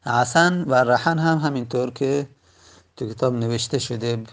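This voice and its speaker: A man teaching Arabic grammar in a classroom lecture, patient and repeating key points slowly. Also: medium pitch.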